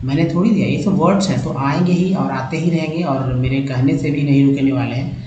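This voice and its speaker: A man's voice: a little high, brisk, crowd noise. Guy teaching english sounds off slides, spells letters then says the word again and again, calls viewers friends, muffled echoey room. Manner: spells letter groups then sounds out words, repetitive drilling; addresses viewers as friends, emphatic. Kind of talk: slide-based phonics lesson.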